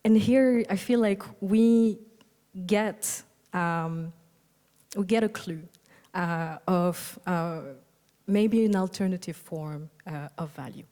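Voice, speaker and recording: Giving a keynote at a conference, an architect, a young woman from Algeria, speaks softly and reflectively, with ums and uhs in her pauses. The big hall adds a long, trailing reverb to her warm, mellow voice, which sits a little low.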